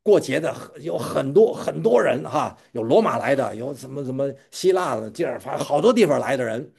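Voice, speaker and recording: A man preaches in a loose, storytelling sermon, stumbling over repeated words and now and then quizzing his listeners. His pitch swoops around animatedly. The tone stays warm and mellow throughout. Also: animated, fairly quick, gravelly, breathy edge. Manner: stammering repetitions, chuckling asides, quizzing listeners.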